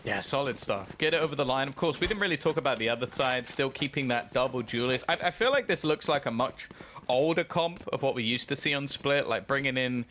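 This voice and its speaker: A man's voice: mid-range voice, a little fast, slight background noise. A man casting an esports match, breaking down team picks and calling plays, voice rising during big moments. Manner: analytical, rises sharply in excitement during plays. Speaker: esports caster. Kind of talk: esports commentary.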